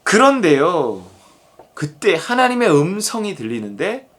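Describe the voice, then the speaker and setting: A man's voice: extremely high pitch, pushed and bright. A man pastor preaching a conversational daily sermon, acting out the prophet's complaints and reading scripture aloud. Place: church or small studio.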